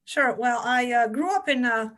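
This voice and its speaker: A woman in her forties with a Bosnian accent, a podcast guest telling her life story in a reflective, measured way. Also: on the high side, expressive, fairly bright tone. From Bosnia and Herzegovina. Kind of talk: interview storytelling.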